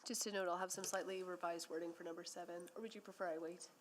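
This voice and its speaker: Hoarse woman councillor reading motions briskly. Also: lowish voice, steady tone, crowd noise. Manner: reads formal motion wording at a brisk clip. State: scratchy, hoarse voice. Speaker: city councillor. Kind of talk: moving motions at a council meeting. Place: council chamber.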